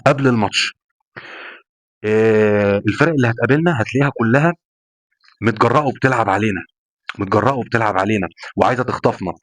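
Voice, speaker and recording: A man's voice: fairly low pitch, a bit bright. A man with an Egyptian accent, talking at a breakneck pace in a heated football rant. He hammers points home by repeating himself and swearing oaths. The sound is close and dry, with no room echo. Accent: Egyptian Arabic. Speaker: football fan commentator. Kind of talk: passionate post-match rant.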